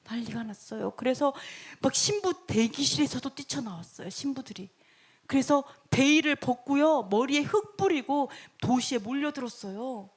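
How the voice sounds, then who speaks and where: Female Bible teacher, high voice, lively dramatic storytelling. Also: normal speed, slightly rough. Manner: lively, dramatic retelling with frequent laughs. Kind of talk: animated Bible story lesson.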